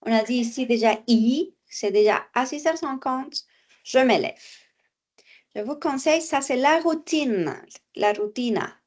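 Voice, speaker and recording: A woman teaches French online at an unhurried, deliberate pace, her voice pitched high and animated. She walks through the exercises patiently, repeating every phrase and every so often slipping into something for her students' benefit.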